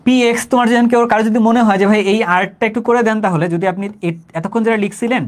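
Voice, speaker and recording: Male tutor, rapid and chatty online lecture, keeps asking if it's clear. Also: sits high, steady tone. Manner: conversational, repeats phrases, checks understanding often. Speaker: chemistry teacher.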